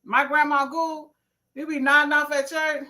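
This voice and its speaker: Bright, animated woman livestreamer. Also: high voice, normal speed. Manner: animated storyteller, laughs often, folksy asides. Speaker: livestream host. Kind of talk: casual live-stream chat reading viewer comments.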